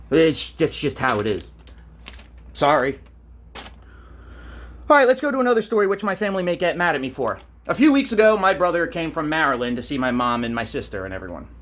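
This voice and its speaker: A man's voice: medium pitch, sing-song, fairly quick, a bit bright. A man ranting on a vlog, blunt and profane, telling stories and asking rhetorical questions. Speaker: vlogger.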